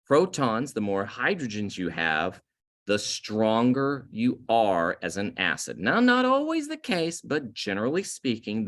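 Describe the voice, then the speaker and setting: Lively-voiced male chemistry teacher. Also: lowish voice. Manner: explains slowly, stressing key terms, with self-corrections. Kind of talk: recorded lecture over slides.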